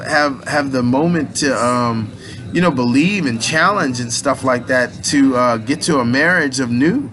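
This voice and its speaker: His medium-pitched voice is bright and forceful. A man in his late thirties who hopes to become a minister and works as a motivational speaker, he rambles through an informal spiritual pep talk, using loose slang and frequently starting sentences over.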